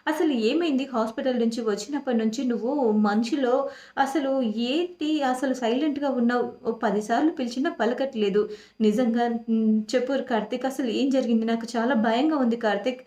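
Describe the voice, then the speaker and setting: A woman's voice: a little high, a little fast, a little mellow, lightly acted. A woman voicing a shaken older father. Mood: insistent, shaken. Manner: insistent, bewildered questioning. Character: shaken older father-in-law demanding the truth. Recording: echoey room.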